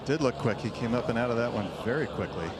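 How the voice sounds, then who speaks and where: A man's voice: medium pitch, quick pace. A man giving live golf commentary as an analyst. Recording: very noisy outdoor broadcast sound.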